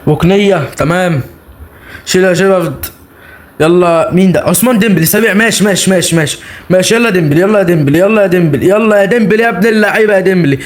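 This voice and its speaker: Fast, excitable Egyptian gaming commentator. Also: male voice, high-pitched. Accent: Egyptian Arabic. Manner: cheering players on, shouting with excitement. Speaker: gaming channel host. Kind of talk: excited live game commentary.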